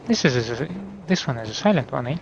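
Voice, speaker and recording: A man's voice: mid-range voice, very animated, a little fast, vocal fry, lo-fi sound, a little hiss or hum. A man giving casual spoken commentary as a gamer while playing a video game.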